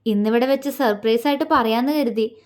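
A woman voicing a soft-spoken, romantic young man speaking gently and coaxingly, in a storybook reading. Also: on the high side, a little fast, lightly acted. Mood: tender.

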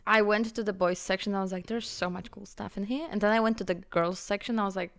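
A woman's voice: mid-range voice, steady tone, quick pace, fairly bright tone. A woman co-hosting a casual podcast chat on a couch, speaking playfully and teasing into a handheld mic. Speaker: podcast co-host. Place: living room couch. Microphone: handheld dynamic mic.

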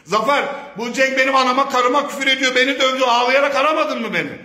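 A man giving a heated, profane, confrontational video message, sometimes breaking into shouts. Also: very high voice, fast talker, reverberant. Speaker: speaker of a public video statement.

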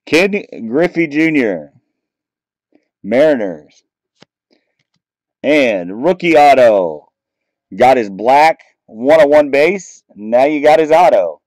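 Opening trading card packs one after another, a card break host talks slowly and easily, calling out names and teams in a relaxed, chatty way. His pitch is ordinary and middling, and the table-mounted camera mic captures dry, close sound with no room echo.

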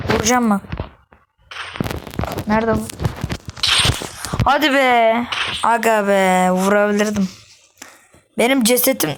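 Young woman gamer, high voice, jumpy live commentary, noisy recording. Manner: excitable, swears under breath, talks to viewers. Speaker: gaming YouTuber. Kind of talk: casual game commentary.

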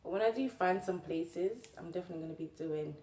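A young woman with a Jamaican accent chats casually to her viewers over a meal, chewing while she talks. Her voice is soft-edged and mellow. It is picked up from some distance in a roomy space, with faint noise behind it. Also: fairly low pitch, quick pace. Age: young adult. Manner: chewing while talking, with mouth often full. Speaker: mukbang vlogger. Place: small indoor room at a table.

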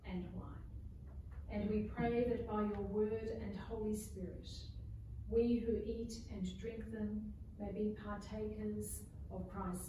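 A woman priest intoning a communion prayer in measured, solemn phrases, with a cathedral echo around her voice. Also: medium pitch. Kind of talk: liturgical prayer recitation. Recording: echoey church, distant mic, background noise.

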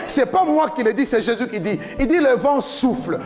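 A man in his forties preaching an impassioned sermon from a church stage into a handheld mic, often shouting in a chanting cadence. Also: extremely high pitch, animated, moderate pace. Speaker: pastor. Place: large church hall with a stage, indoors.

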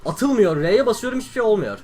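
A young man from Turkey giving excitable live commentary over his own gameplay, exclaiming and grumbling as things go wrong. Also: high-pitched, fast, soft background music. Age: young adult. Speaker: gaming YouTuber.

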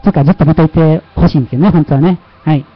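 A man's voice: fairly high pitch, very fast, muffled recording. A man with a Kansai Japanese accent hosting a casual livestream, chatty and self-mocking, often laughing at himself. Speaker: livestream host.

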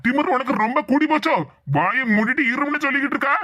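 A performer voicing a teasing cartoon father with a Tirunelveli Tamil accent. The voice is bright and sharp, recorded dry and close. He argues stubbornly and mocks the others. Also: high-pitched, no room sound. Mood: argumentative. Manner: mocking, sings in a drawn-out way, argumentative. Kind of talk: animated comedy sketch voice acting.

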